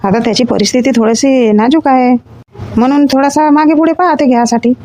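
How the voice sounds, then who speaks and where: A woman acting as a mother in a comedy sketch, gently scolding and reasoning. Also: high-pitched, a little fast. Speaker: comic actor playing a mother.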